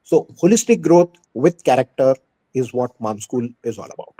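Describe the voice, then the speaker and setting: A man's voice: mid-range voice, lively intonation, normal speed, warm tone. A man with an Indian accent giving earnest, emphatic answers in a conversational interview as a school head, often repeating phrases for stress.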